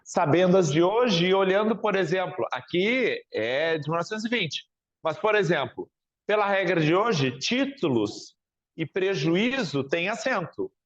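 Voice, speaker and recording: A man with a southern Brazilian accent from Porto Alegre gives a lecture, talking a little slowly in a high-pitched, expressive voice over dull audio. His style is questioning and chatty, with frequent tag questions directed at the class.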